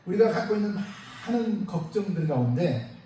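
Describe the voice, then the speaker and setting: A man with a high voice preaches a Sunday sermon, chatty and animated, peppering the congregation with questions. The sound is heavily echoey, as if caught from across a big church hall. A faint hiss sits under it. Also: normal speed, distant mic. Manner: lively, conversational preaching with rhetorical questions. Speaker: pastor. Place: church sanctuary.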